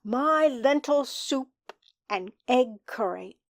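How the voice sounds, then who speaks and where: A woman voicing a kind auntie who teaches dance, speaking gently and slowly in a storybook reading. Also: sits high, animated, no room sound, clean studio sound, pitched above the performer's own voice, exaggerated voice. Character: warm-hearted auntie, a dance teacher carrying food.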